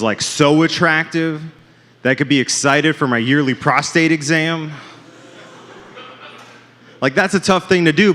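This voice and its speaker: A man with a fairly high pitch and a sharp tone does a stand-up set on a comedy club stage, calling the audience "folks" as he lands self-deprecating punchlines. The live club recording has long reverb.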